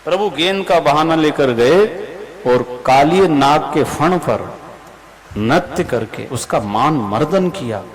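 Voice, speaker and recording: Animated man narrating a devotional sermon. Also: on the high side, slow pace, a crowd in the background. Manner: animated storyteller, acts out the characters' lines; asks the audience questions directly. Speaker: Bhagavat katha preacher. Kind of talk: devotional scripture storytelling sermon. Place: religious gathering before a live audience.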